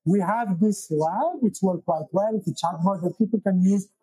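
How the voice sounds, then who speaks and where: A man in his thirties from Belgium, a guest founder talking in a casual interview, halting with many restarts, on a lapel mic in a small room. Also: sits high, mellow, husky, dry recording, poor audio. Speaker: guest, software engineer and founder. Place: small wood-paneled room, indoors.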